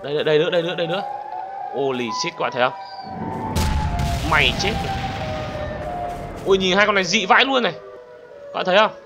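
Young guy, let's play commentary, jumpy and panicky, loud music behind. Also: sits high, quick pace, long pauses. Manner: excitable, bursts into panicked exclamations; talks to viewers directly. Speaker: gaming channel host. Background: loud game music.

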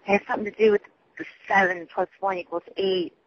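A man with a high-pitched voice leaves a long, rambling voicemail message. He speaks haltingly, loses his thread and swears as he goes. The sound is dull and lo-fi, like a telephone recording. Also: steady tone, a little hiss or hum. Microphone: phone.

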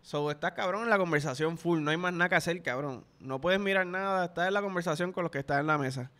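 A man's voice: a little high, fast talker, bright, forceful tone. A young man with a Puerto Rican accent, telling loose, profane stories in casual podcast chat. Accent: Puerto Rican Spanish. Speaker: podcast host.

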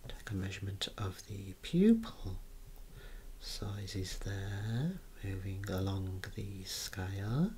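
Low-voiced man whispering softly. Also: a little hiss or hum. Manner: soft whispering, slow and careful instruction; gentle reassuring praise. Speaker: clinician demonstrating eye and head measurements. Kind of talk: ASMR clinical role-play.

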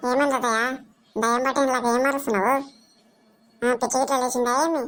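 A woman voicing a young daughter-in-law with a Telangana accent in a cartoon comedy, sharp and mocking toward her mother-in-law. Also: sits high, steady tone, quick pace. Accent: Telangana Telugu. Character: young daughter-in-law, snappy then scared.

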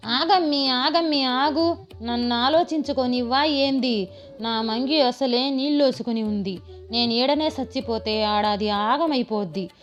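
A woman's voice: a little high, unhurried, close to an everyday voice. A woman voicing a young male village fisherman who is stubborn and loyal to his wife, speaking bluntly in rustic village talk. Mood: pleading. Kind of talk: storybook voice acting. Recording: slightly dull, soft background music.

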